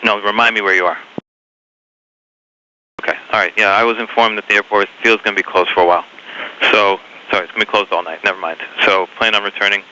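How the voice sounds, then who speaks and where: An air traffic ground controller, a man giving clipped, hurried and apologetic instructions to pilots, heard over aviation radio with static bursts. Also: fairly low pitch, steady tone, bright, forceful tone, clean tone, no room sound. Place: airport control tower. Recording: muffled radio transmission with faint hiss.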